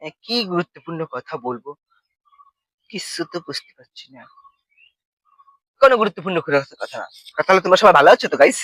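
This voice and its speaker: A man's voice: sits high, sing-song, fairly quick, pauses often, fairly bright tone, no echo. A young man with a Bengali accent who rambles through a comic monologue, fumbling his words and slipping into sing-song lines and mock wailing. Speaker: comedy vlogger.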